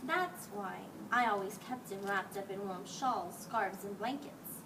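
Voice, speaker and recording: At a measured pace and medium pitch, a woman reads a picture book to a group of children, voicing the characters with plenty of expression, as their teacher. The recording comes from a distant mic with noticeable background noise.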